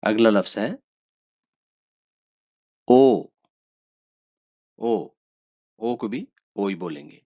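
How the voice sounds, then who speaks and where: A man with an Urdu accent teaching a language lesson, calmly saying each letter twice. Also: lowish voice, unhurried. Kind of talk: slow spoken lesson. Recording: dull lo-fi sound.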